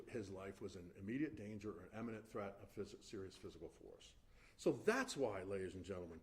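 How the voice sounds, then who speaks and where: A man's voice: mid-range voice, a little mellow. A man giving a courtroom closing argument as defense attorney, emphatic and pressing, often restarting his sentences as he turns to the jury. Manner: emphatic, addresses the jury repeatedly, frequent restarts.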